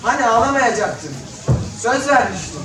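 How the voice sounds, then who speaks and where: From a distance in a heavily echoing hall, a resolute village husband played by a male actor speaks on stage. His high voice is earnest and tender, with a measured declamatory delivery. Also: animated. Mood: earnest farewell. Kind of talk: patriotic stage drama. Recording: very echoey noisy hall from far off.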